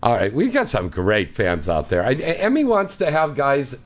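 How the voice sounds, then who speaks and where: A man's voice: mid-range voice, huge pitch swings, moderate pace. A man hosting a raunchy radio call-in show, joking and teasing the callers. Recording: dull lo-fi radio broadcast, faint hiss.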